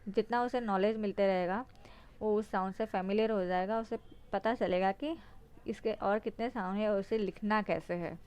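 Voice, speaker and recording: A woman's voice: mid-range voice, fairly even intonation, moderate pace, a little mellow, clear, resonant tone. A woman explaining phonics to parents, spelling out words letter by letter and then sounding them out.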